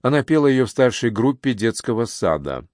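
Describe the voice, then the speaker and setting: A man reads an audiobook in an even storytelling voice. His pitch sits in the middle and the recording is dry and close. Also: a little fast, no echo. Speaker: audiobook narrator. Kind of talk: scripted narration.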